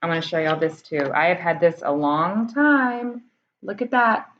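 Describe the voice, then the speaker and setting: At a normal speed and with a lowish voice, this American woman talks informally to camera about books the way a teacher might, hesitating as she works through her thoughts. Her sound is muffled and dull, with room noise in the background.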